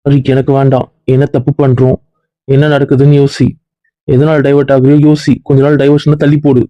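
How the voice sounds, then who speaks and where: Male actor as a brisk, reproachful dean; quick, dry, slightly dull recording. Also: mid-range voice, level tone, mellow, dry recording, lightly acted. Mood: stern. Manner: lecturing, reproachful. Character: stern male college dean scolding a student. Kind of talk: web series drama acting.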